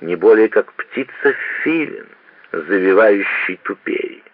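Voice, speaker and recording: A man's voice: lowish voice, lively intonation, slow, narrow, tinny audio, slight background noise. A man doing a dreamy young student. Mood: rapturous.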